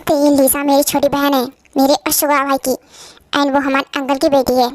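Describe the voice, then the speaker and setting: A woman voicing a calm young husband and protective older brother in an amateur fan dub, speaking patiently. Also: high voice, normal speed, dry recording, close to an everyday voice. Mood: explaining.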